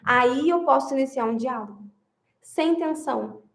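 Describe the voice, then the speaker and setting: A woman's voice: high voice, unhurried, gravelly, roomy sound. A woman giving marriage advice straight to her viewers, emphatic and repeating her key phrases. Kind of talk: direct-to-camera advice talk.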